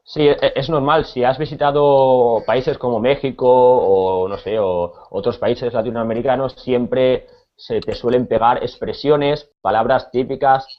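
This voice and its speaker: A man from Spain with a Spanish accent, teaching a conversational Spanish lesson, pausing often with repeated words and fillers. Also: medium pitch, fairly even intonation, dull audio.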